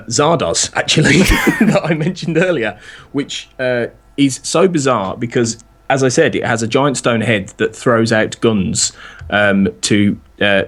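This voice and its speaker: A man, a podcast guest, rambling in casual chat and laughing often. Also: medium pitch.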